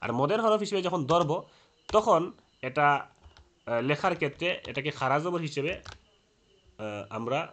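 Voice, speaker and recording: A man's voice: a little high, animated, a little slow, long pauses, a bit bright. A man teaching a lesson on Quran recitation rules, explaining step by step with frequent "ah" fillers and restarts.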